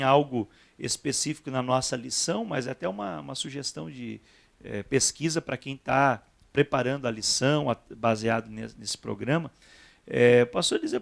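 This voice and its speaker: A man's voice: mid-range voice, creaky. A man with a Brazilian Portuguese accent, a pastor hosting a church TV talk show, asking his guests questions in a conversational way. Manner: conversational, frequent "né" tags, guiding questions. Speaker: pastor and program host.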